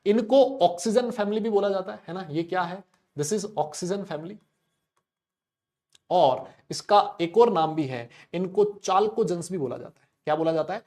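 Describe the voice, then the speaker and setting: A man's voice: sits high, a little slow, warm tone. A man teaching chemistry in a casual, chatty way, asking and answering his own questions and making up playful memory tricks. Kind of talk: casual classroom lecture.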